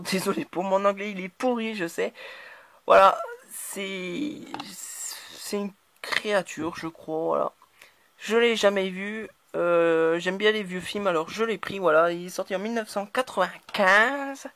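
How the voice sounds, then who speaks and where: A woman talks through her recent purchases in a relaxed, hesitant way, often pausing and circling back to find her words. Her voice sits at a middle pitch and sounds dry and close, with no room echo. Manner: hesitant, constant filler words. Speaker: channel host. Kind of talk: casual DVD haul talk to camera.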